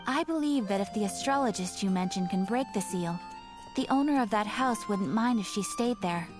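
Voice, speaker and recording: A woman's voice: mid-range voice, lively intonation, moderate pace, over music, natural voice. A woman voicing a polite, composed young female guild receptionist in a video game. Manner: formal, composed.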